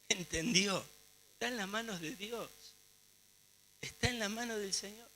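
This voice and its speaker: A man with an Argentine accent delivers a sermon, high-pitched and very bright in tone. He preaches fervently and leans hard on his key words, taking his time. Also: slow pace, a little hiss or hum. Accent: Argentine Spanish.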